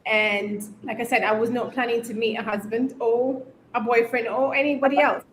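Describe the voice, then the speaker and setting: A woman's voice: a little high, fairly even intonation, normal speed, echoey room, a little hiss or hum, rough recording. A young woman from Kenya, raised in the UK, telling her story as a guest in a casual interview, with many ums. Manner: chatty storyteller with frequent ums. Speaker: guest, YouTuber.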